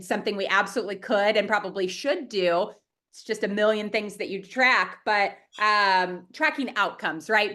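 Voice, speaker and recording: Though a head cold leaves her slightly sniffly, this dietitian guest is talkative, open and full of enthusiasm as she answers interview questions over video call. She runs private practices, and her medium-pitched voice is a bit bright.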